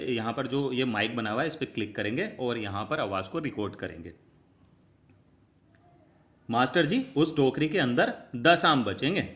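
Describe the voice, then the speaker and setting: A man with a medium-pitched, fairly bright voice hosts a step-by-step screen tutorial. He walks viewers through every click and addresses them as friends.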